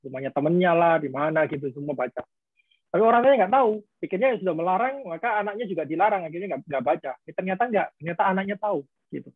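A man explains parenting ideas in a relaxed, conversational way and acts out little exchanges as he goes. His voice is husky and sits a little high. It is heard dry over thin, phone-like video call audio. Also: rapid-fire, few pauses, no echo. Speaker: guest speaker on parenting. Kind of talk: webinar Q&A answer.

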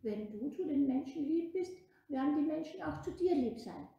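A woman voicing a kind, patient old bishop in a children's story, coaxing and gentle. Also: high-pitched, expressive, moderate pace, gravelly, lo-fi sound, voice pushed up. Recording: echoey room.

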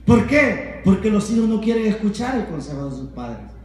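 A man's voice: high-pitched, big pitch swings, moderate pace, darkish tone. A man preaching a sermon at home, fervent, with rhetorical questions and repeated amens. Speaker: evangelist preacher. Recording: very echoey room.

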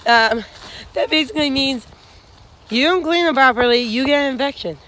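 A woman's voice: high-pitched, normal speed, a bit bright. A young woman giving frank hiking advice in a casual vlog, rambling with many fillers, filmed on a phone at arm's length on a wooded trail. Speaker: hiking vlogger. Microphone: phone held at arm's length.

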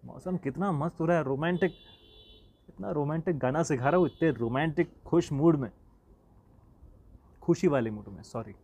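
A man's voice: a little high, moderate pace, long pauses, darkish tone, breathy edge. A man teaching a flute lesson in a casual, chatty way, singing the note names aloud as he goes. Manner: chatty and encouraging, sings the notes aloud. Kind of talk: casual online music lesson.

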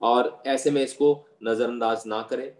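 A man who is an ENT doctor, calmly explaining hearing problems and giving patient advice with medical terms in an interview. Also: medium pitch, measured pace. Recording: roomy echo.

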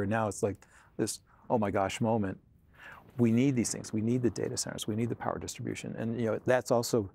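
A man in his sixties, a tech executive acting as interviewer, speaks in a lowish, creaky, warm voice. Sitting on a studio set with armchairs and wearing a lapel mic, he converses earnestly and at rambling length, saying "you know" a lot.

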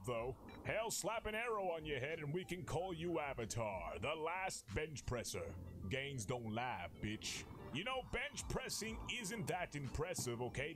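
A man's voice: a little high, noisy background. Man doing a cocky, mocking cartoon villain. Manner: taunting, smug trash talk. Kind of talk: comic cartoon parody voice acting. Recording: music under the voice.

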